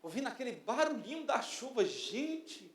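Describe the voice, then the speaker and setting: Animated preaching man in an echoey church. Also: very high voice, normal speed. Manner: animated preaching with acted-out quotes. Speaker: pastor. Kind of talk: sermon. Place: church sanctuary.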